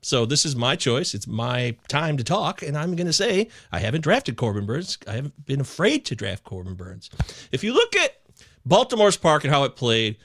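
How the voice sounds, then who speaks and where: A man talking fantasy baseball picks on a podcast, theatrical and emotional, swinging from loud outbursts to quiet asides. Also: medium pitch, very animated, moderate pace. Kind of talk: casual podcast chat.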